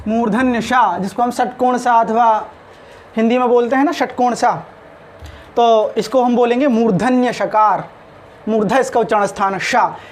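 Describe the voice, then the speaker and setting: A man's voice: extremely high pitch, slight background noise. A man teaching a spoken lesson on pronunciation, sounding out each letter carefully.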